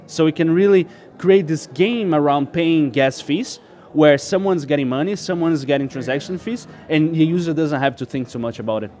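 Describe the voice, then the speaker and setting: A man's voice: fairly high pitch, a little mellow. Brazilian-born man explaining tech casually. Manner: explanatory, loose, full of "like" and restarts. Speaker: startup co-founder, guest.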